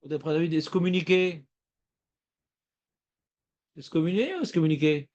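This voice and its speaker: High-voiced man teaching a Talmud class. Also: moderate pace, dull audio. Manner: lively, asks students questions, playful rhymes.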